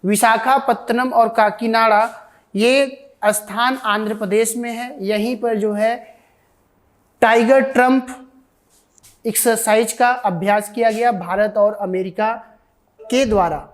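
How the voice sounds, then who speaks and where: A woman's voice: a little high, fairly even intonation, slow pace. Indian woman teaching an exam lecture. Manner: repetitive, asks and answers own questions. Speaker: defence exam coaching teacher. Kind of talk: online lecture.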